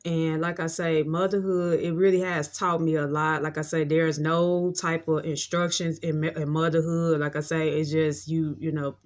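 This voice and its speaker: A woman's voice: deep voice, flat delivery, normal speed, hardly any pauses. A woman in her late thirties telling a rambling, heartfelt story in a casual monologue, often repeating herself. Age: 30s. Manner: heartfelt, reflective. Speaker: vlogger.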